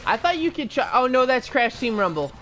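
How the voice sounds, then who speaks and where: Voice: high voice, big pitch swings, brisk, fairly bright tone. A gaming streamer in casual live-stream commentary, rambling and chatty, drifting into tangents and restarts.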